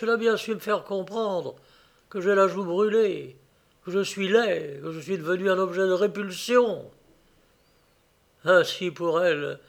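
A heartbroken young village man pours out bitter, plaintive words, as a man reading the story plays him. His voice sits high and drawn out. The anguish stays close to the surface. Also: fairly bright tone.

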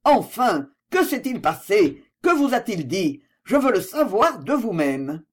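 Reader doing a wounded jealous guy, bitter and sarcastic, voice pitched up and pushed hard. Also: very animated, unhurried, breathy edge, full character voice. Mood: angry. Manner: sharp, sarcastic and pleading by turns. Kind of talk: audiobook dialogue reading.

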